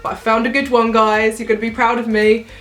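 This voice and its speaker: A woman's voice: on the high side, little pitch movement, brisk, echoey room, faint music behind. Bubbly young woman chatting a makeup tutorial. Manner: chatty, bubbly, giggly asides. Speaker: beauty vlogger. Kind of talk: casual makeup tutorial chat.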